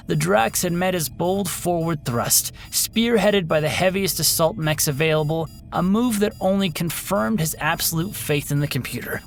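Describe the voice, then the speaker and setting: A man narrating a sci-fi war story and then an equipment history in a measured, dramatic scripted style. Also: fairly high pitch, gravelly.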